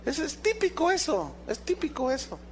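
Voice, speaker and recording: A man, preaching a sermon as a pastor, animated and quizzing his congregation with rhetorical questions. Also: very high voice, moderate pace, slight background noise.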